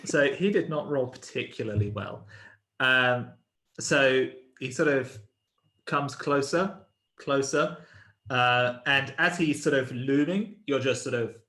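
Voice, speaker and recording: Male game master, halting descriptive narration, mid-pitched, reverberant room sound. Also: bright, forceful tone. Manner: hesitant, many fillers and "sort of".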